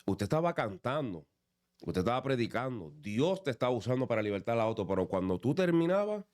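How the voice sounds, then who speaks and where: A man's voice: medium pitch, sing-song, brisk, a little mellow. A man hosting a faith podcast. He interviews his guest, and his emphasis has the exhorting push of a preacher. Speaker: podcast host.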